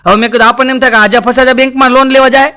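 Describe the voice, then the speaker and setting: A man's voice: extremely high pitch, steady tone, very fast, pushed and bright, slight background noise. A man telling comic stories and moral lines to a live audience, often calling them sir and mimicking voices. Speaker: stand-up comedian. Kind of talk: live stand-up jokes and moral talk. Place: stage before a live audience.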